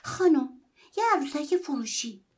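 A woman's voice: high-pitched, lively intonation, pitched above the performer's own voice. Woman doing a pleading poor little boy. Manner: pleading and calling out loudly. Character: poor young boy peddling a doll in the snow, pleading.

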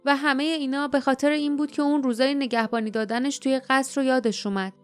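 A woman's voice: sits high, steady tone, faint music behind, voice pushed up, close to an everyday voice. A woman reading the lines of a thoughtful teenage boy in an audiobook. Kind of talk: audiobook character voice.

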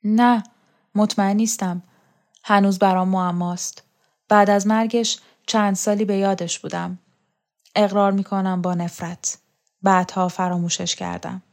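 A proud, worldly older woman speaks in a storybook, her manner wry and reflective as she recalls the past. A woman voices her in her own even reading voice. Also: medium pitch, close to an everyday voice. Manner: reflective, mocking.

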